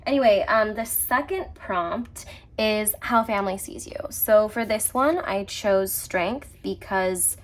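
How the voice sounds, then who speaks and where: A woman giving a casual, personal tarot reading on camera, reflective and quick to laugh, trailing off and restarting as she talks. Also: mid-range voice. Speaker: tarot reader.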